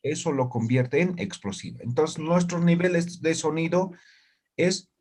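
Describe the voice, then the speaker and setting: A man's voice: a little high, a little slow, a little mellow. Man teaching a live online class. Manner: patient explaining, tags nearly every phrase with a short check-in question. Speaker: language teacher. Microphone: computer mic on a video call.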